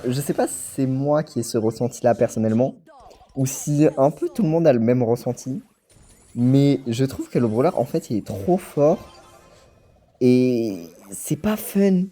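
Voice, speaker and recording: Mellow-voiced stammering young gamer man. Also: medium pitch. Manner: rambling, stammers and repeats words. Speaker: gaming channel host. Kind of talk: casual gameplay commentary.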